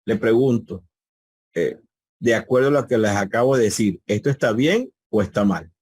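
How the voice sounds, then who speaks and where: A man's voice: fairly low pitch, animated, moderate pace, darkish tone, husky, no room sound. A man teaching a live online Greek class over a video call, patiently repeating key words and quizzing his students.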